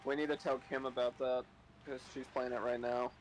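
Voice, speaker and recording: A man's voice: mid-range voice, flat delivery, a little fast, a little hiss or hum, poor audio. A man joking and teasing in casual banter over a voice call. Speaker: co-host on a voice call.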